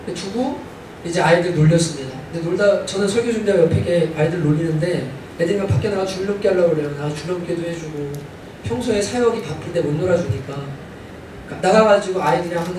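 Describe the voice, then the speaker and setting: A man with a high voice preaches a sermon, moving from storytelling into fervent, loud exhortation. He is heard from some distance in a very echoey church sanctuary. Faint ambient noise sits under his voice. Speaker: pastor. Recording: very echoey hall from far off.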